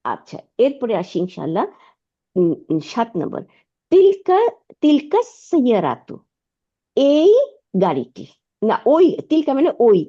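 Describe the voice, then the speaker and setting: A woman runs an online Arabic lesson, her higher voice rising and falling a lot as she explains. She patiently repeats words and keeps checking whether her student follows. The sound is dull and lo-fi, like an online call. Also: sing-song, moderate pace, mellow. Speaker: Arabic teacher.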